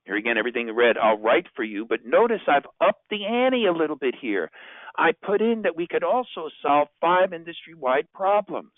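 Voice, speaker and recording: A man's voice: on the high side, very animated, moderate pace, no echo. Man coaching over a phone-like line. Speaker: sales trainer. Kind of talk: instructional presentation. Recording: narrow phone-like sound, very dry.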